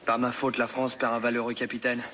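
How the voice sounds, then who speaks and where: A man's voice: medium pitch, monotone, brisk, bright, forceful tone, a little hiss or hum, natural voice. An actor playing a melodramatic young nobleman who speaks grandly and pompously. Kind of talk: film drama acting.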